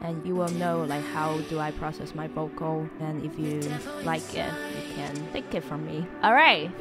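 A chatty young woman with a low voice hosts a casual music production tutorial stream, laughing at herself in a self-deprecating way. She's in a small home studio lit with neon, speaking close to a boom-arm studio mic, with faint music in the background.

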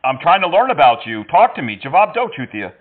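A man's voice: on the high side, very animated, fast. A man prank-calling scammers, mocking and teasing them with frequent laughter. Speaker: scam baiter. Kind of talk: prank phone call. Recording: tinny phone line.

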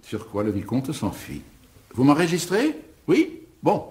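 A man's voice: a little high, huge pitch swings, unhurried, a little mellow. An actor playing a man who dictates a melodramatic story over the phone, in mock-dramatic narration. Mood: dictating.

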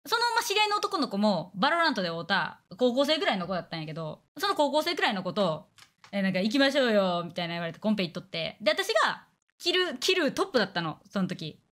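A woman's voice: mid-range voice, very animated, fairly bright tone. A young woman with a Kansai accent, chatting bluntly and crudely on a casual stream. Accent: Kansai Japanese. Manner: blunt, crude, fast banter with acted-out quotes.

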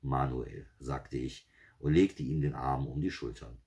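A man's voice: rumbling low, measured pace, vocal fry, dark tone. A man reading his own first-person story aloud in a dry, wry manner.

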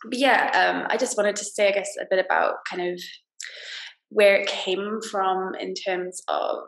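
Woman in her 30s on a laptop call, bit croaky from a cold, chatty with lots of ums, roomy sound. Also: medium pitch, steady tone, measured pace. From Wales. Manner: soft, chatty, lots of fillers and restarts. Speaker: guest novelist. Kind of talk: casual talk on a video call. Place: small plain room indoors. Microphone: laptop video call. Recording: roomy video call audio.

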